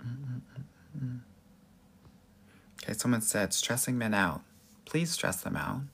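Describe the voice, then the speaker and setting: A man with a Southern Californian Valley accent hosts a casual live question-and-answer chat, giving dating advice in a sassy, slangy way with a husky, gravelly voice. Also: mid-range voice, lively intonation, takes it slowly, fairly bright tone, slight background noise. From Southern California, United States. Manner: sassy, slangy, addresses viewers as girl.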